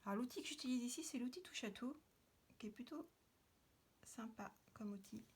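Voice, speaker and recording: A woman's voice: fairly high pitch, animated, fairly quick, darkish tone, husky. A woman hosting a card-making tutorial, talking casually while she works with many hesitations and fillers. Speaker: crafting tutorial host. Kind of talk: casual craft demonstration.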